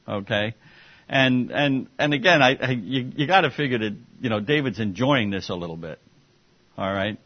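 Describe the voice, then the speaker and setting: Husky-voiced man teaching a Bible class. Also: mid-range voice, expressive, normal speed. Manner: conversational, sarcastic asides, many fillers. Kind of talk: informal Bible study teaching. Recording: dull muffled classroom recording.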